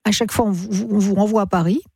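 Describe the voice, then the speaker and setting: Mellow, husky woman hosting late-night radio. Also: medium pitch, fairly even intonation, fast, dry recording, studio quality. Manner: gently probing, sums up the caller's story. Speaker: radio host.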